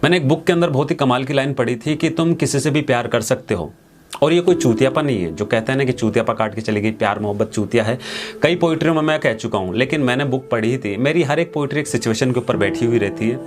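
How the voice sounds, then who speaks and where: A man's voice: mid-range voice, quick pace. A young man hosting a storytelling channel, giving an earnest, reflective monologue and asking the listener direct questions. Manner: earnest, direct, speaks straight to the viewer with questions. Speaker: poetry and storytelling channel host. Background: background music.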